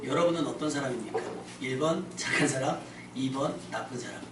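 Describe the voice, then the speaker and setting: A man's voice: medium pitch, fairly quick. A male pastor giving a joking, conversational sermon and leading call-and-response with his congregation. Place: church sanctuary. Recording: echoey church from far off, with noise.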